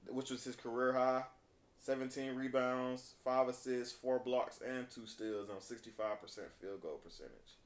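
A man hosting a casual basketball chat, reading out stats and news in a laid-back, slangy bro style. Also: mid-range voice. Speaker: host of a basketball talk show. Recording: echoey room.

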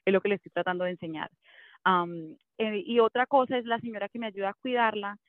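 A woman's voice: mid-range voice, steady tone, fairly quick, no echo. A woman chatting casually about raising her daughter, dropping English fillers into her speech. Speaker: guest, mother. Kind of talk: casual conversation. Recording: thin phone-like dry audio.

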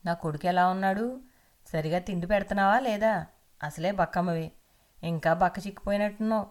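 A woman's voice: medium pitch, a little fast, close to an everyday voice. A woman voicing a harsh young husband who mocks and scolds his wife. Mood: mocking. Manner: mocking, scolding.

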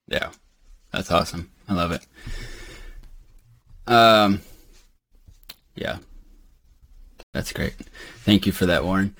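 A man hosting a casual interview, affirming his guest and feeling his way haltingly into questions. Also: on the low side. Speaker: podcast host, interviewer.

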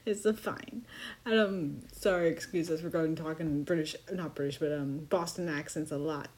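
A woman's voice: low voice, steady tone, moderate pace, darkish tone. A young woman hosting a podcast, slightly tipsy, rambling casually with lots of swearing and self-deprecating asides. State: slightly intoxicated. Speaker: podcast host. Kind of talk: casual chat.

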